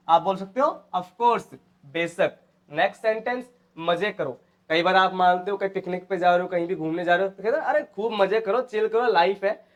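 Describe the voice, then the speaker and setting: An Indian man teaching English phrases, repeating each one and quizzing his students. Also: high voice. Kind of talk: spoken English lesson in Hindi.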